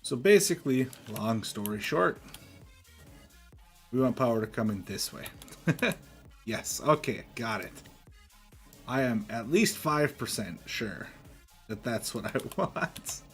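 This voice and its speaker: A game streamer offers casual live commentary, thinking aloud and chatting with viewers in an animated, medium-pitched voice. He talks slowly, pauses often, and chuckles frequently, with soft music in the background.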